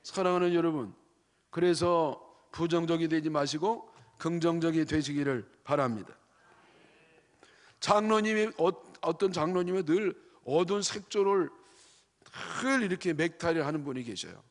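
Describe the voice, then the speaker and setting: A man preaching a sermon as a pastor in a church, animated and often prompting the congregation with short questions. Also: a little high, normal speed. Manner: acts out quoted churchgoers in changed voices. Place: church sanctuary. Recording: long church hall reverb.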